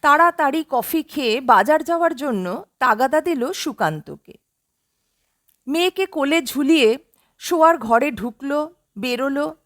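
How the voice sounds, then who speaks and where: A woman narrating an audiobook story in an expressive, measured storytelling manner on a close mic. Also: high voice, no room sound.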